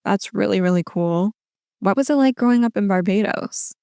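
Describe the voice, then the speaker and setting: Smooth-voiced woman giving casual advice. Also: mid-range voice, moderate pace, warm tone, dry recording, studio quality. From lives in Toronto. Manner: chatty, filler-heavy with frequent "like". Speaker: podcast host answering listener questions.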